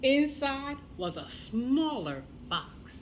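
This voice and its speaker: A woman telling a children's tale as a storyteller, expressive and deliberate, with dramatic pauses. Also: high voice, slight background noise.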